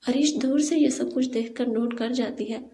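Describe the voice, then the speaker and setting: Woman storyteller, audiobook novel reading, gravelly, mellow, a bit high. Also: roomy sound.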